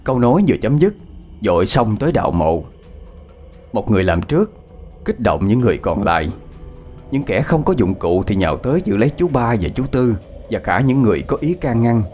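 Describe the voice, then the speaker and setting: A man narrating a ghost story in an expressive, dramatic reading. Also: mid-range voice, brisk. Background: soft background music.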